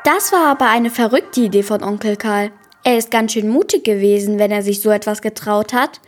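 A woman introducing the next reading for her class, chatty and teasing the listeners. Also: a little high.

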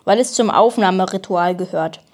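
A woman's voice: mid-range voice, moderate pace, darkish tone, close to an everyday voice. Woman reading as a grumpy stubborn boy. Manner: grumpy, panting. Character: stubborn young boy monster hunter.

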